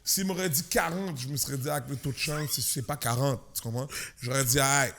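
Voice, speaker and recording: A man with a Québécois accent, a guest comedian telling an animated, slangy story on a podcast. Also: mid-range voice, brisk, gravelly, a little hiss or hum. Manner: slangy, punchy, mixes English words in.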